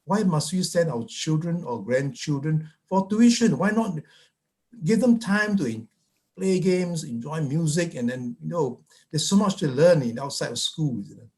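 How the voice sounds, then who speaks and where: A man from Malaysia, a psychiatrist on a webinar panel, firing off rhetorical questions with halting restarts over a video call. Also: on the high side, lively intonation, darkish tone.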